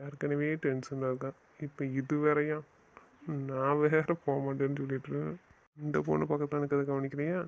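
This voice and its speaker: A man's voice: fairly high pitch, completely flat delivery, a little fast, vocal fry. A young man acting an easygoing husband who speaks mildly and placatingly, puzzled by the fuss. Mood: teasing. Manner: mild, placating, bewildered. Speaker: bewildered husband. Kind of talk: amateur web drama acting. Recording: dull lo-fi recording.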